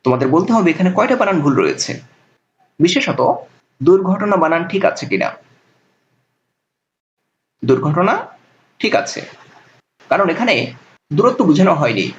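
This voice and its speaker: A man's voice: on the high side, very animated, normal speed, pauses often, dull audio. A man, a college language lecturer, explaining spelling rules step by step with many examples in a recorded lesson. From Bangladesh.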